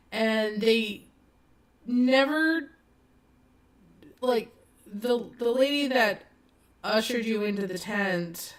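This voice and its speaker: A woman narrating as game master of a tabletop horror game, slow and halting with many restarts. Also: mid-range voice.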